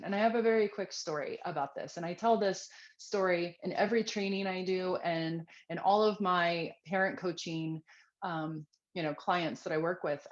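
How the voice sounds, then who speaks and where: A woman parenting coach talks straight to the viewer in an earnest, conversational way, dropping in casual fillers. Her voice sits on the low side. The recording is slightly dull and lo-fi. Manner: earnest, conversational, with frequent fillers and acted-out quotes. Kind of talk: direct-to-camera parenting tips.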